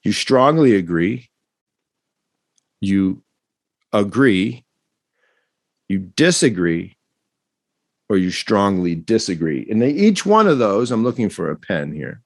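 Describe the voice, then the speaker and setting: A man guesting on a podcast, talking in an animated, rambling way and often turning to address the host. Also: lowish voice, slow pace, vocal fry, long pauses, dry recording, clean studio sound. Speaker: guest, non-profit founder and educator. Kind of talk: casual podcast conversation.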